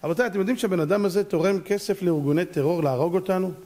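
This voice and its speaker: Rabbi guy giving a sermon, high voice, keeps asking the crowd questions, jumps around in pitch a lot. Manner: animated, rhetorical questions, sharp pitch swings.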